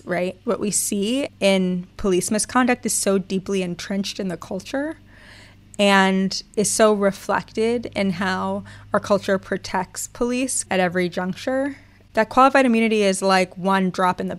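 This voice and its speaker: A woman with a medium-pitched voice speaks as an interview guest. She explains and comments in full, connected sentences.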